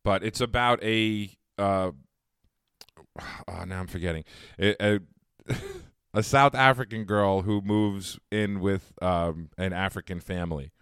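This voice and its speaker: A man's voice: deep voice, unhurried, fairly bright tone, clear, resonant tone, dry recording, clean studio sound. A man co-hosting a podcast, chatting casually and laughing often. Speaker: podcast co-host. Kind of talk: casual chat.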